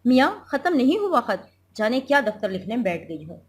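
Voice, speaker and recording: Cranky sick husband read by a woman teacher, complaining and peevish, a bit higher and louder than her usual. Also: expressive, normal speed, close to an everyday voice. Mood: sarcastic. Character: sick, irritable middle-aged husband.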